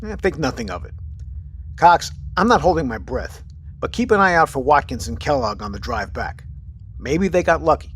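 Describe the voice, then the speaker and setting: In an audio drama, a male actor voices a steady, pragmatic submarine captain whose delivery is clipped, commanding and matter-of-fact. His pitch is fairly high and his pace moderate, with a slight hiss or hum in the background.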